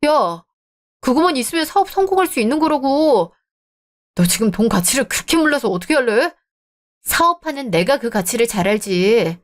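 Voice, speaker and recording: A woman's voice: fairly high pitch, sing-song, moderate pace. A woman voicing a greedy, scheming ex-husband in a scripted radio drama, blustering and dismissive. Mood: angry. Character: greedy scheming divorced husband, young adult man.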